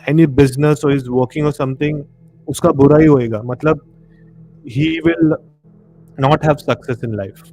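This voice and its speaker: This medium-pitched, slightly mellow male voice belongs to a live show host with an Indian accent, leading a casual discussion of horror and conspiracy. He explains conversationally and often says "you know." The live stream audio is noisy.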